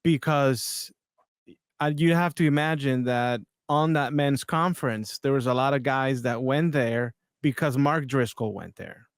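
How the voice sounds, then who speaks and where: A man's voice: medium pitch, a little slow, smooth, no echo, studio quality. A man hosting a podcast, talking casually and a bit hesitantly as he comments on video clips. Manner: conversational, hesitant, with restarts. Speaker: podcast host.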